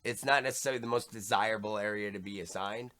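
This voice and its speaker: A young man with a New York accent hosting a podcast, talking fast and full of slang in a casual chat. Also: lowish voice, sharp tone. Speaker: podcast host.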